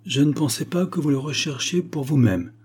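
A man's voice: on the high side, expressive, moderate pace, darkish tone, slightly rough, voice pushed up. A man playing a sly, greedy old village man with a wheedling manner.

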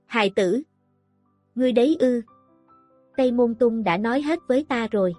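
A woman's voice: fairly high pitch, moderate pace, darkish tone, faint music behind, close to an everyday voice. A woman voicing a blind, broken old male prisoner who speaks with sorrow and regret. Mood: grieving. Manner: sorrowful, sighing.

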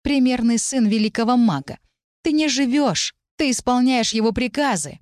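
A woman's voice: on the high side, moderate pace, darkish tone, no room sound, studio quality, pitched above the performer's own voice, lightly acted. A woman voicing a furious, jealous young male mage who snaps and sneers in a raised, heated tone. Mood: angry, sneering.

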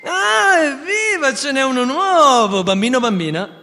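A man's voice: high voice, lively intonation, drawn-out words, fairly bright tone, long reverb tail, voice pushed up, exaggerated voice. A man voicing Peter Pan, the boy who never grew up, eager and boastful, in a radio reading. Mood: eager, excited.

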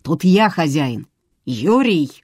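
A woman reading the part of a gruff, rude older male police duty officer who shouts and drawls his words. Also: low-pitched, big pitch swings, no room sound, clean studio sound, exaggerated voice. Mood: yelling. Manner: boorish, shouting, slow drawl.

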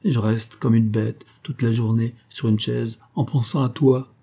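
A man's voice: mid-range voice, fairly even intonation, unhurried, vocal fry, dark tone, husky. A man reading a trembling, desperate society woman who pleads with her lover. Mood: pleading. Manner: trembling, imploring, rising to outbursts.

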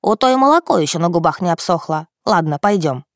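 A woman's voice: lowish voice, expressive, fairly quick, dry recording, studio quality. A woman voicing a stern, protective old grandfather who scolds in curt commands. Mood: gruff.

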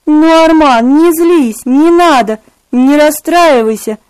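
A woman voicing a tender young woman who pleads softly and breathlessly in an audiobook reading. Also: high voice, takes it slowly, no echo, soft background music, voice pushed up, low-quality recording. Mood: pleading. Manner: soft, imploring and breathless.

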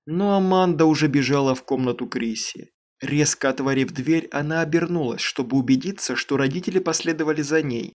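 A man narrating an audiobook in a steady, measured storytelling manner. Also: a little high. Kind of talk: scripted narration.

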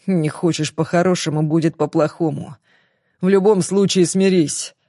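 A woman voicing an arrogant young man in an audiobook, speaking low, quiet and mocking. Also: fairly even intonation, normal speed, no echo, clean studio sound, lightly acted.

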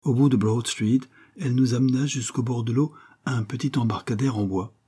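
A man reading a novel aloud as narrator in a steady, measured way. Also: mid-range voice, husky. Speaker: audiobook narrator. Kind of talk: scripted narration.

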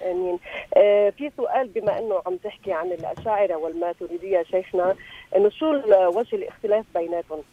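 A woman's voice: mid-range voice, lively intonation, racing. A woman caller with a Levantine accent, speaking over the phone in a polite, hesitant way with fillers. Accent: Levantine Arabic. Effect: heard over the phone. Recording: tinny phone line.

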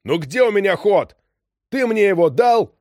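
A man voicing a harried middle-aged sea captain who is anxious and touchy and shouts defensively. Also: medium pitch, big pitch swings, a little fast, no room sound, clean studio sound. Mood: shouting.

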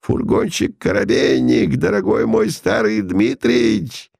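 A man voicing a calm, commanding older detective with a cool, sardonic manner, read as an audiobook character. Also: a little high, slow pace, gravelly, slightly rough, no echo, studio quality, voice pushed up, exaggerated voice.

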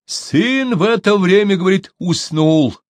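A man voicing a sly, boastful old male shaman who shouts and chants. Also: high voice, animated, measured pace, no room sound, clean studio sound, voice pushed up. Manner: shouting, sing-song chanting.

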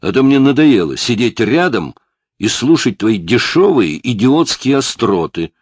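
A man's voice: mid-range voice, big pitch swings, a little slow, breathy edge, no echo, studio quality, voice pushed up. A man doing a stern barking detective. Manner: barking, threatening. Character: stern hard-nosed male police detective.

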